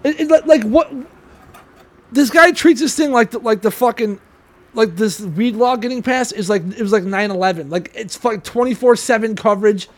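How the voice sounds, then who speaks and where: A man in casual, profane chat, mocking a script with animated outbursts and stammered restarts. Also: sits high, moderate pace.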